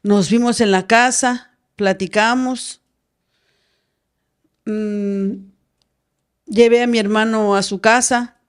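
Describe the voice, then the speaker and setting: A woman in her forties, a guest in an interview, recounting a personal story in a measured way with restarts. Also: on the high side, fairly even intonation, smooth. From Veracruz, Mexico. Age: 40s. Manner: measured, recounts with many restarts and reported speech. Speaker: guest, nurse.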